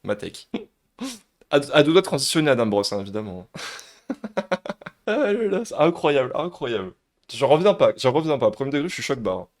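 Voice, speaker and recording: Brief: male streamer, live reaction, excitable, laughs a lot, loose casual swearing. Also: mid-range voice, brisk.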